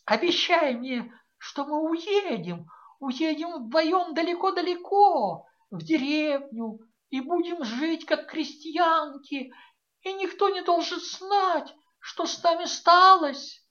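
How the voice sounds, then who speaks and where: A woman's voice: very high voice, lively intonation, slow, fairly bright tone, dull audio, voice pushed up, heavily acted. A woman reading an audiobook voices a tearful, pleading young daughter who speaks with theatrical pathos.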